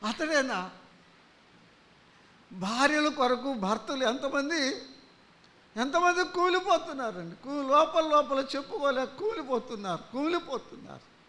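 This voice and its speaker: A man preaching a gospel sermon, impassioned, swinging from loud pleas to hushed storytelling. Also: very high voice, lively intonation, unhurried, long pauses.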